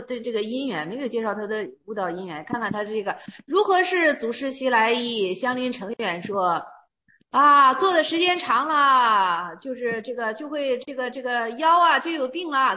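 A woman with a high voice teaches a class on old Buddhist texts. She reads each passage slowly before retelling it in everyday words. Her talk is full of repetitions and small fillers. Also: bright, forceful tone.

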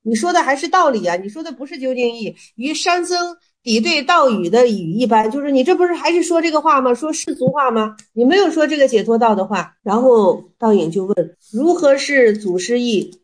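A woman's voice: sits high, animated, a little fast, hardly any pauses. A woman teaching a study group in a casual way, explaining old stories and dialogues. She often repeats phrases and acts out the dialogue in a livelier voice.

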